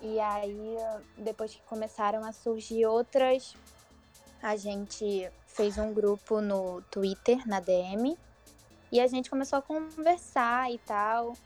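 A woman's voice: a little high, steady tone, slow pace, darkish tone, faint music behind. A woman with a strong carioca accent from Rio de Janeiro, chatting casually as a guest. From Rio de Janeiro, Brazil. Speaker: guest, fan page administrator. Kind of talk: casual chat.

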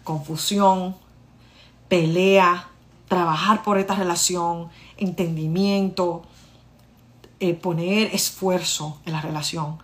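Animated woman telling a story. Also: fairly low pitch, takes it slowly. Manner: animated, addresses listeners directly, acts out dialogue. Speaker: vlogger. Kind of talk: casual storytelling monologue.

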